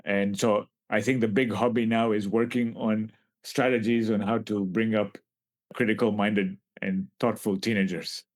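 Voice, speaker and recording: Reflective interview answers come from a scientist guest, a Kenyan man in his forties whose voice sits low and level. His delivery is thoughtful and halting, with frequent restarts, and the sound is close and dry.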